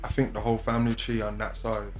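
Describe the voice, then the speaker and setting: A man's voice: fairly low pitch, monotone, quick pace, roomy sound, music in the background. A man with an urban London roadman accent chatting casually in street slang as a podcast co-host. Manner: London roadman way of talking, peppered with slang tags.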